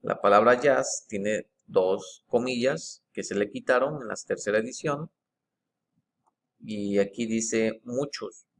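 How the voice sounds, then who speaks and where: Slow, methodical man going over a text. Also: on the low side. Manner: slow, methodical, stops to reread passages. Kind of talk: screen-share walkthrough.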